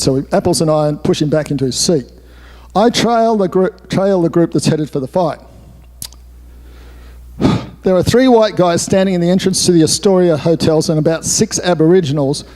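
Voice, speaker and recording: Man, fairly high, warm tone, rambling storyteller, hall echo. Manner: rambling, candid, with asides and swearing. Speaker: author giving a talk. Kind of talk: storytelling talk with slides. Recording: roomy hall reverb.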